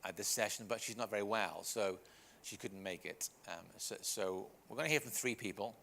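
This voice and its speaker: Bright-voiced man hosting on stage. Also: fairly low pitch, normal speed, gravelly, slight background noise. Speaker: session host and interviewer.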